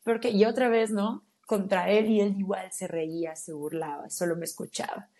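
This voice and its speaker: Mellow-voiced Mexican woman telling a story. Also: mid-range voice, moderate pace. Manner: animated, slangy, acts out her own quotes. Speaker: podcast guest. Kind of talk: casual storytelling chat.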